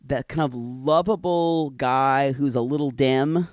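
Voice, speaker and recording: A man co-hosting a casual podcast recap, giggly and campy, full of quick asides. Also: mid-range voice, fairly even intonation, a little mellow, dry recording, clean studio sound. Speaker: podcast co-host.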